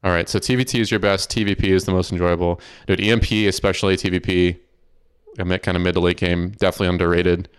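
A man hosting a podcast, relaxed and curious, asking follow-up questions. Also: low-pitched, fast, smooth, dry recording, studio quality. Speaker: podcast host. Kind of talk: casual interview chat.

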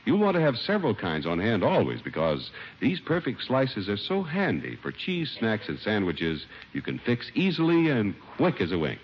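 A man reading ads and credits as a 1940s radio announcer in a polished, lively sales pitch, heard from an old broadcast transcription disc. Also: moderate pace, hardly any pauses, lo-fi sound, a little hiss or hum.

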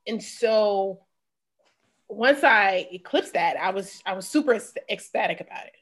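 A woman's voice: mid-range voice, lively intonation, a little slow. A woman with a Southern Mississippi accent tells personal stories in a casual, conversational interview, with emphatic asides. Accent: Mississippi Southern American. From Mississippi, United States. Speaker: interview guest, former sprinter.

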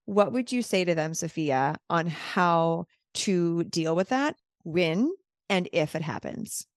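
A woman hosting a round-table conversation over a video call. Her voice sits a little low with a gravelly edge, and the sound is dry and close. She speaks in an affirming, reflective way. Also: animated, slow pace, no room sound. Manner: affirming, reflective, uses casual filler like "like". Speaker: host.

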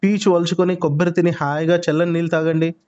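A gentle, long-suffering coconut tree from a children's storybook, put on by a male narrator. It pleads in a raised, strained voice that sits higher than a man's usual range. The recording is muffled and lo-fi. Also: level tone, fast talker, lightly acted. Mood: reproachful.

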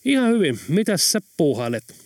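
A man's voice: sits high, very animated, no room sound, studio quality, pitched above the performer's own voice. A man reading an audiobook voices a jokey, easygoing young man in a raised, upbeat tone.

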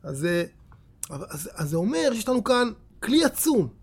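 A man, a rabbi, giving a Torah lesson to a live audience in an animated, emphatic way, often putting questions straight to his listeners. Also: sits high, creaky, slightly rough. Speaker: rabbi teaching a class.

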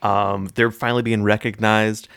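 A man with a somewhat low voice adds jokes to an improvised story and chuckles between fillers. The recording is close and dry. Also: level tone, normal speed, fairly bright tone, smooth, no echo.

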